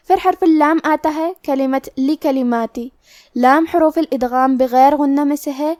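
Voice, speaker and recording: A woman with a Pakistani Urdu accent teaching a tajweed lesson, explaining each sound slowly and deliberately. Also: high voice, darkish tone, no echo, studio quality. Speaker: Quran recitation teacher.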